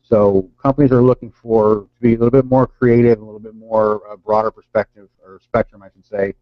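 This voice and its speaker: Casting: male co-host for an online marketing talk, fairly low voice, wordy explainer, lo-fi sound. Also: little pitch movement, fairly quick, dry recording. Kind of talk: informal business presentation.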